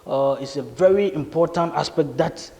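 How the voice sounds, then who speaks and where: A man's voice: fairly high pitch, gravelly, dark tone, big-room sound. Man interpreting a director's words. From Ghana. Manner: hesitant, filled with uh pauses. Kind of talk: spoken interpretation of a foreign speaker's words.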